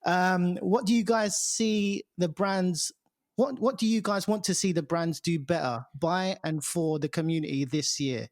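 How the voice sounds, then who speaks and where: A man from the UK hosting a casual podcast, relaxed as he reads out listener questions. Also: high voice, unhurried, dry recording, studio quality. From United Kingdom. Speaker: podcast host. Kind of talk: casual chat.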